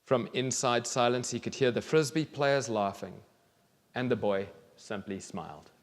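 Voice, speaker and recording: On a large indoor theatre stage, a children's author in his thirties reads a storybook aloud to an audience in a mid-range voice. His reading is deliberate and expressive, with pauses, and the hall sounds reverberant.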